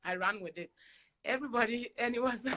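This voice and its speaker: A Ghanaian woman, a singer, chatting as a guest over a video call in a casual live-stream interview, animated and laughing often as she acts out the voices in her stories. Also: fairly high pitch, fairly quick.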